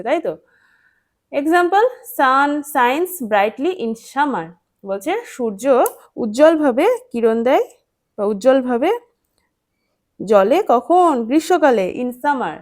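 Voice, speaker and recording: A woman teaching a children's English lesson, patient and clear, asking questions and answering them herself and spelling words out letter by letter. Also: fairly high pitch, a little mellow. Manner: patient, asks and answers her own questions.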